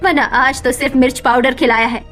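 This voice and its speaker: Woman doing a cruel cartoon mother-in-law, harsh, taunting, high voice, faint music behind. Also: fairly even intonation, brisk, a bit bright. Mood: harsh scolding. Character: cruel scolding old village mother-in-law. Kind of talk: cartoon story voice acting.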